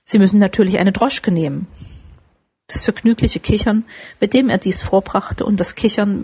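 A woman narrates a classic tale in a steady, expressive audiobook reading. Her voice has a slightly husky, breathy edge at a mid pitch.

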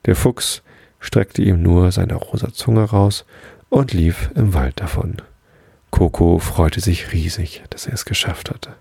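A man hosting a podcast, calmly reading a bedtime story aloud on a close mic. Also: low voice, slow pace, gravelly, breathy edge, no echo. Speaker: podcast host and story reader.

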